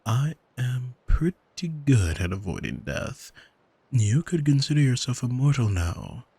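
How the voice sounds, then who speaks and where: In an ASMR audio drama, a man voices an arrogant demon who owns a soul, smug, taunting and controlling as he speaks deliberately and intimately to the listener. His husky, mid-range voice is dark in tone, sing-song and exaggerated. It's recorded dry and close on a studio microphone.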